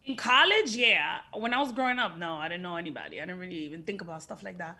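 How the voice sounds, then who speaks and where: This young woman's voice is low-ish, expressive, fast and sharp. Of Dominican heritage and speaking English with a Dominican Spanish tinge, she appears by video call as an actress guest on a casual podcast interview, talking frankly and emphatically and sometimes swearing, in an indoor room with a plain backdrop.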